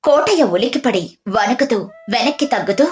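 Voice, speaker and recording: A woman narrating a moral folk tale in a clear, expressive storytelling manner. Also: on the high side, moderate pace, faint music behind.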